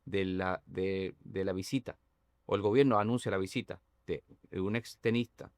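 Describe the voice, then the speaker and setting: A man who is a guest on a political talk show, explaining communication strategy in a measured, analytical way with frequent hesitations. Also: deep voice, fairly even intonation, a little mellow, no echo, clean studio sound. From not Dominican, living in the Dominican Republic for years.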